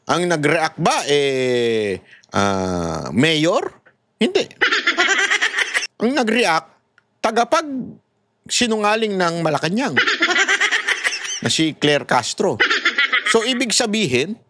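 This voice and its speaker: A man's voice: fairly high pitch, big pitch swings, slow, pauses often, no room sound. A man hosting casual political commentary, laughing often and mocking as he talks. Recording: loud background noise.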